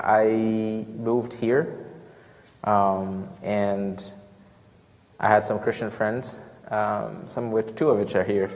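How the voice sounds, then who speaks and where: A man with a Ghanaian accent sharing a personal testimony in a church, earnest and halting, with many restarts. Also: fairly low pitch, a little mellow, long reverb tail. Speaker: church member giving a mission trip report. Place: church hall.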